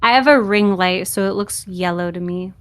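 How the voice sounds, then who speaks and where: A woman's voice: mid-range voice, moderate pace, a bit bright, clear, resonant tone. A woman streaming a game, chatting casually with a playful, sarcastic edge. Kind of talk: casual live-stream chat and game commentary.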